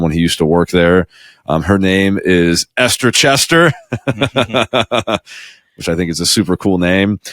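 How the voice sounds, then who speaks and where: A man hosting a podcast, asking questions in a halting, casual way. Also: sits low, fairly bright tone, dry recording, clean studio sound. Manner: halting, many fillers and restarts. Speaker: podcast host. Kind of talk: casual interview.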